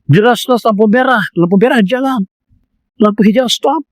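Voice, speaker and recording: This preacher, a man with a Malaysian Malay accent, delivers a mosque lecture full of lively storytelling in which he performs the characters' voices. He speaks at a moderate pace in a very high voice, recorded clean in a studio without echo.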